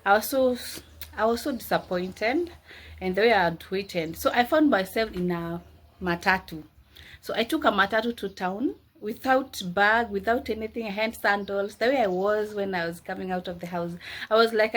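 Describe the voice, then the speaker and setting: A woman chats loosely to her viewers, rambling from one thing to the next. Her tone is easygoing and conversational, like a casual unboxing vlog. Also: medium pitch. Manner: chatty, rambling, keeps addressing viewers as "guys". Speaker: vlogger.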